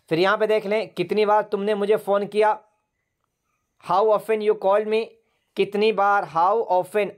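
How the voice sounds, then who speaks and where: A man teaching an online English grammar class over a video call, patiently repeating words and spelling them out letter by letter. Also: high-pitched.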